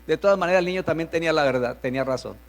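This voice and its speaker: Male pastor, high-pitched, preaching in a sermon, acts out the parents' lines; long reverb, faint hum. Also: racing. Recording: reverberant hall with mains hum.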